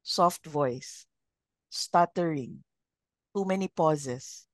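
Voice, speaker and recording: A middle-aged woman with a Filipino accent leading a communication training session, speaking in a measured, modulated trainer voice and putting questions to her learners. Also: low voice, dry recording. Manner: interactive, asks learners questions. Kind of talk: live training session, mixing English and Filipino.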